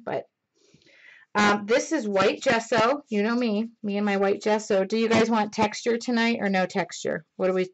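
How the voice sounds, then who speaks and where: A woman hosting a live-streamed mixed media painting lesson, chatty and excitable, rambling and often talking loudly. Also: medium pitch, dull audio. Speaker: mixed media art instructor.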